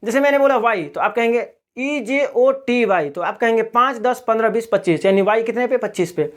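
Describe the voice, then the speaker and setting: A man's voice: extremely high pitch, fairly quick. A man from Bihar, teaching a video lesson in a question-and-answer drill, asking each question and answering it himself. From Bihar, India. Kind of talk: classroom-style video lesson.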